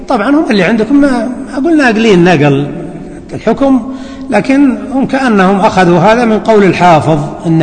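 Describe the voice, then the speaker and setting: A man teaching a hadith lesson as a scholar, deliberate and repeating key words for his students. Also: sits high. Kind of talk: classroom commentary lecture. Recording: long hall reverb.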